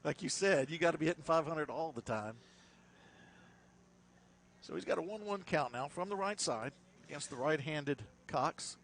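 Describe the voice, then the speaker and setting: A male play-by-play announcer calls a baseball game in a slightly higher voice, trading easy banter with his partner. His energy climbs sharply on big plays. Faint outdoor ambience sits behind him. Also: lively intonation, moderate pace, long pauses, fairly bright tone, a little hiss or hum. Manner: chatty, laughs with his partner. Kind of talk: baseball commentary.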